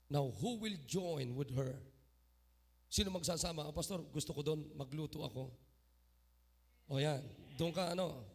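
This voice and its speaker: A man pastor preaching a sermon in church, lively and mixing in English phrases, calling on members of the congregation by name. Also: high voice. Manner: mixes English phrases into his talk.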